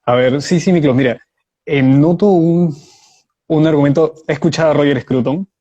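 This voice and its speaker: Over a video call in a live online debate, a male guest answers with a fairly high, mellow voice, though the audio is dull. He is measured and explanatory, laying out his view step by step and using examples.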